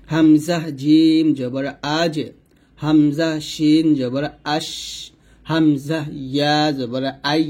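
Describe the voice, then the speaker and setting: A man teaching Quran recitation step by step, slowly sounding out Arabic letters and explaining how each is pronounced while pointing at a diagram. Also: a little high, darkish tone, slightly rough.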